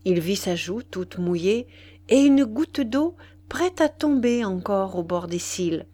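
A woman reading a classic novel aloud as a calm, measured audiobook narrator. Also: mid-range voice.

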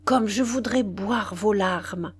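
An ardent young lover pleads in a soft, insistent voice, as a woman reads him aloud. His words come slowly and carefully, pressing and passionate, in an audiobook. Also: medium pitch, breathy edge. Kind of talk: audiobook character voice.

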